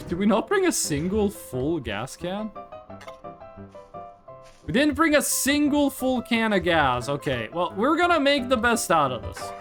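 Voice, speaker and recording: A streamer chatting through a live game session, joking with the chat and swearing freely. The voice moves around a lot in pitch. Game music runs in the background. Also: big pitch swings, a little slow, a bit bright. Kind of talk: casual live gaming commentary.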